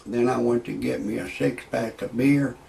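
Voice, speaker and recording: This sixty-something video blogger has a gravelly, warm, medium-pitched voice with fairly even intonation and normal speed. He wanders from opinions into stand-up jokes, repeating words as he looks for the point.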